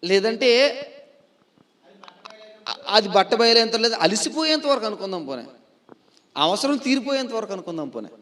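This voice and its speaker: A man preaching a sermon as pastor, asking rhetorical questions, repeating them and answering himself, slowing to stress key phrases and swinging between loud declarations and quiet asides. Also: high-pitched, very animated.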